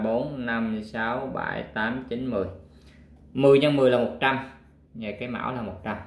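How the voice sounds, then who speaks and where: A man teaching a math lesson, working through a worksheet, counting aloud step by step and pausing with fillers. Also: medium pitch, a bit bright, roomy sound.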